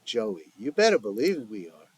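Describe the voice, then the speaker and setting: A man voicing a gruff, quick-tempered father who argues with his family in an audio story. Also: fairly low pitch, very animated, no room sound. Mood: combative. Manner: blustering, combative.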